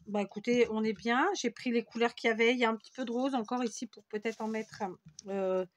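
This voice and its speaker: A woman's voice: fairly high pitch, fairly even intonation, brisk, lo-fi sound. A woman from France hosting a scrapbooking tutorial, rambling and self-mocking as she works at her craft table. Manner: rambling and self-mocking, talks while working. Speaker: scrapbooking video host.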